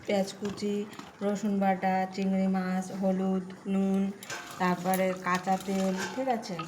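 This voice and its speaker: A woman's voice: medium pitch, monotone, a little slow. A woman chatting casually through a home cooking vlog, homely and often putting small questions to her viewers. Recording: echoey room, clear background noise, kitchen clatter.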